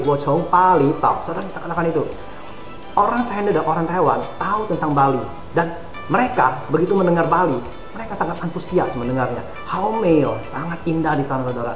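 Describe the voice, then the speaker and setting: A man who works as a study-abroad consultant gives advice to viewers and keeps addressing them directly as he talks. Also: fairly high pitch. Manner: addresses listeners repeatedly as "saudara". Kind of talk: instructional talk to viewers. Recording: roomy echo with loud music behind. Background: music.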